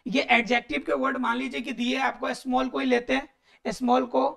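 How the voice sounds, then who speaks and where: A woman's voice: high-pitched, little pitch movement, moderate pace, vocal fry. A woman teaching an English grammar lesson, explaining step by step. She keeps asking and answering her own questions and repeats the key words.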